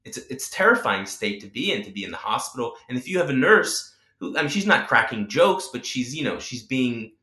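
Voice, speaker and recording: Bright-voiced man in an echoey room. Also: mid-range voice, brisk, hardly any pauses. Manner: animated, opinionated, self-restarting. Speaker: guest, chatbot character designer. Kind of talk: casual conversational interview.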